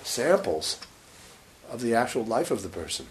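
A man giving a scripture lecture as a religious teacher, short of breath, halting and pausing mid-sentence. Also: medium pitch, big pitch swings, poor audio. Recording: faint background hiss.

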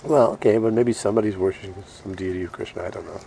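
A man with a fairly low voice gives an informal devotional class. He is short of breath and speaks haltingly, restarting his phrases. There is faint noise around him in the live recording. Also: steady tone, vocal fry, dark tone. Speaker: religious teacher giving a class. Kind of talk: informal devotional lecture with questions.

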